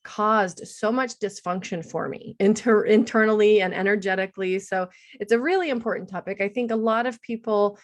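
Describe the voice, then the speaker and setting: A woman's voice: medium pitch, moderate pace, hardly any pauses. A middle-aged woman hosting a podcast interview, chatty and enthusiastic, laughing often. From United States, Seattle-based. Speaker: podcast host, attorney. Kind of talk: casual interview chat.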